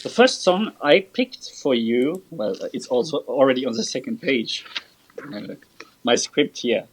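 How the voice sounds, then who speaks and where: A man's voice: medium pitch, animated, a little slow, husky, poor audio. A man co-hosting a live stream, presenting songs hesitantly with restarts and fillers. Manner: hesitant, restarts often, working from a script. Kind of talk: casual livestream chat.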